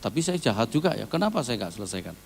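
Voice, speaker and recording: A man's voice: mid-range voice, very fast, creaky, slight background noise. A male pastor preaching a conversational sermon, telling stories and tossing tag questions to the congregation. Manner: lively storytelling with tag questions to the audience. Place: church seminar hall. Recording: long hall reverb.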